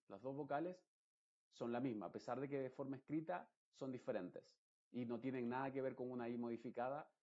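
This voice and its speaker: A man, teaching English pronunciation in an explanatory lesson and repeating example words slowly and carefully. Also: medium pitch, warm tone. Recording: dull lo-fi recording.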